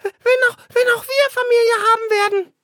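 Shrill squabbling young sparrows. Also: male voice, steady tone, noisy background. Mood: quarrelsome. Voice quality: squeaky, breathless chirping voice. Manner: hurried and quarrelsome.

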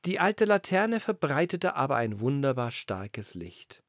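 A man reading a fairy tale aloud as storyteller, in a measured, expressive manner. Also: mid-range voice, dry recording, clean studio sound.

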